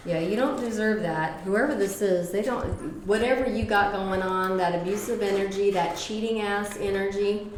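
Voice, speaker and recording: A woman's voice: mid-range voice, moderate pace, few pauses, reverberant, a little hiss or hum, poor audio. A middle-aged woman giving a casual tarot reading, blunt and profane, with emphatic repetitions. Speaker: tarot reader.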